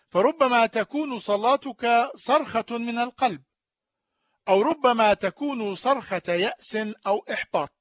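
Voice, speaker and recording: Man, high voice, radio sermon, earnest and measured, dry muffled sound. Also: no echo. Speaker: radio preacher.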